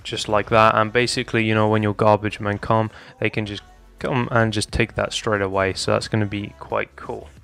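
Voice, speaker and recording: A young man who makes Minecraft building tutorials chats casually through the steps of a build, calling his viewers "guys." His lowish, level, slightly bright voice is a bit hoarse, as if he's losing it, and he speaks at a moderate pace with hardly any pauses. Faint music plays behind him.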